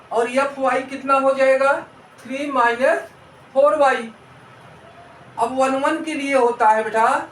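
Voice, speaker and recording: A man with a very high voice teaches maths at an unhurried pace, going over each step again and quizzing his students out loud. He mixes English maths terms into his speech. He sounds set back from the microphone in a roomy, echoing space. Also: a little hiss or hum. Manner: patient, repeats steps, asks students rhetorical questions. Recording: roomy echo, mic at a distance.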